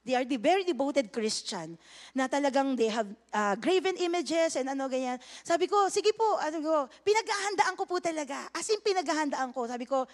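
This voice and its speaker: Filipino woman pastor, high voice, sermon mixing Tagalog and English, moves between hushed and emphatic. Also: long reverb tail. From Philippines. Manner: switches between Tagalog and English, emotional storytelling; swings from hushed to emphatic preaching. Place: church sanctuary.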